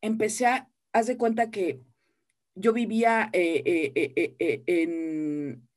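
An older woman, a dubbing director telling animated, self-deprecating stories in an interview. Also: mid-range voice, slow. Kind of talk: reminiscing interview.

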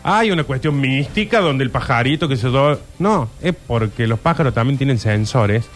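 A man's voice: medium pitch, animated, moderate pace, faint music behind. A man co-hosting a casual radio talk show, rambling through anecdotes and losing his thread. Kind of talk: casual studio chat.

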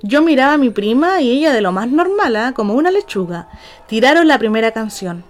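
A young Chilean woman with a Chilean accent, telling a story casually in an animated, slangy way. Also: a little high, fairly quick. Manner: animated and slangy, acts out quotes.

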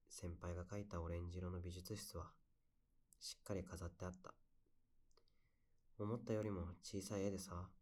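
Man acting a low-voiced, wistful young storyteller. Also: a little mellow, natural voice. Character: wistful young man recounting memories of an older schoolmate. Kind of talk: bedside situation-voice audio drama monologue.

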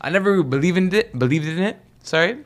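A man's voice: high-pitched, animated, quick pace. A man, chatting casually as a podcast guest and repeating phrases for emphasis. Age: 20s. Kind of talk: casual slangy group chat.

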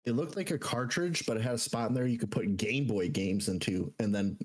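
A man co-hosting a gaming podcast, chatting in a relaxed way with short reactions and laughs. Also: on the low side, a little fast, slightly rough. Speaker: podcast co-host. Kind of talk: casual chat.

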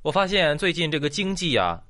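Man, comedy host reading jokes, hugely expressive pitch, bright tone. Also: a little fast. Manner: lively storyteller, acts out the lines of characters. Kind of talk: joke reading.

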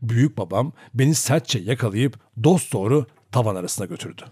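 A man reading a novel aloud as narrator, in an expressive, dramatic storytelling manner. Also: medium pitch, fairly quick. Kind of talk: audiobook narration.

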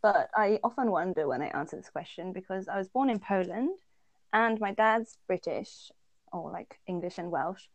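A woman's voice: mid-range voice, normal speed, no room sound. A woman from the Netherlands co-hosting a casual podcast chat, talking easily, laughing often and thinking aloud with fillers. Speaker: podcast co-host.

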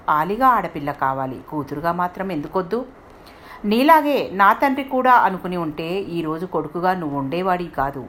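A woman's voice: on the low side, a bit bright, a little hiss or hum. A woman voicing a stern mother who scolds her grown son emphatically in a spoken story.

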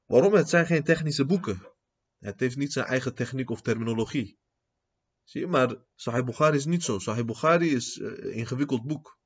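A man's voice: medium pitch, a little fast, slightly rough. Man lecturing in Dutch with Arabic terms. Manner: rhetorical questions, keeps asking "zie je?"; mixes Arabic terms into Dutch, non-native grammar. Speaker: Islamic teacher giving a lecture. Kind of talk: religious lecture. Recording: dull lo-fi lecture recording.

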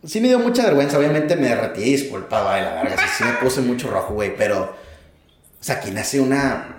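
A man's voice: mid-range voice, sing-song, a little fast, very noisy. A man with a Mexican accent, a truck driver guest telling stories in a casual podcast chat, laid-back, full of crude slang and acted-out lines. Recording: echoey room.

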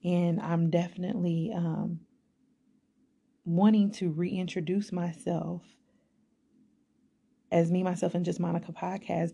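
A woman's voice: lowish voice, vocal fry, warm tone, slightly rough. A young woman hosting a solo podcast, talking candidly and reflectively in a conversational way with plenty of fillers. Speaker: podcast host.

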